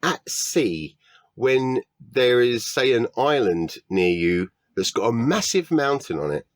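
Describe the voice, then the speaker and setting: A man's voice: mid-range voice, very animated, takes it slowly, dry recording, clean studio sound. A British man giving a sarcastic, exasperated commentary rebuttal, swearing often. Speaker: YouTube debunking commentator.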